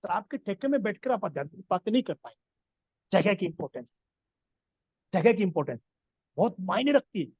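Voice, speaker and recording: A man's voice: high voice, big pitch swings, brisk, pauses often, husky, dry recording, lo-fi sound. A man giving an earnest business coaching talk, explaining his points and repeating key phrases for emphasis. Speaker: business trainer.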